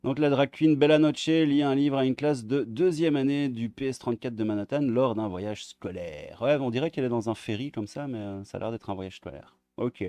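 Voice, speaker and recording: Mellow-voiced man, sarcastic commentary. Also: mid-range voice, moderate pace, hardly any pauses, no room sound. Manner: crude, sarcastic, mutters asides under his breath. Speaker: online video commentator. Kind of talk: sarcastic commentary while reading articles aloud.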